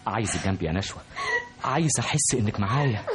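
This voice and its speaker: An actor playing a pleading young lover. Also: male voice, lowish voice, animated, fast, over loud music, lightly acted. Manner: soft, pleading, insistent. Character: young doctor, secretly engaged, pleading lover. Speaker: actor in radio drama. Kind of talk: radio drama acting. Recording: noisy old radio drama with car sounds.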